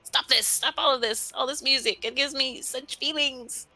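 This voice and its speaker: A woman's voice: high-pitched, fairly even intonation, normal speed, sharp tone, soft background music, exaggerated voice, poor audio. A woman voicing a sexy, melodramatic male game character, pleading in performative grief as if overcome with feelings. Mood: dramatic grief. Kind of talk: dating game character read aloud.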